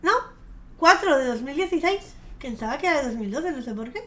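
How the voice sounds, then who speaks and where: A woman's voice: sits high, expressive, a little fast. A young woman commenting on a game she plays, chatty, swearing casually and breaking into gushing squeals. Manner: gushing, squealing outbursts of delight. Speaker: streamer. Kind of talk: gameplay commentary. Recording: faint game music behind her.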